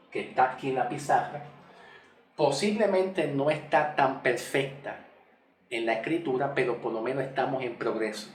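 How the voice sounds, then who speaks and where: A man teaching scripture slowly at a whiteboard, repeating and spelling out key words. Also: on the high side, slight background noise. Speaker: Bible teacher. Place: room with a whiteboard. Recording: echoey room, mic far off.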